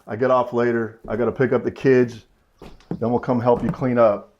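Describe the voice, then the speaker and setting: An actor playing a concerned older Southern brother who speaks in an earnest, practical way, in a live staged reading. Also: male voice, mid-range voice, little pitch movement, normal speed, darkish tone, lo-fi sound, a little hiss or hum, close to an everyday voice.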